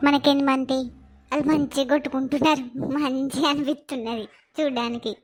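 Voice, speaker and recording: Feisty Telangana village woman, quick high voice, comic skit, woman performer. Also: fairly even intonation. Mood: amused. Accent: Telangana Telugu. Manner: brash, quick, taunting. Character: feisty young village woman picking fights.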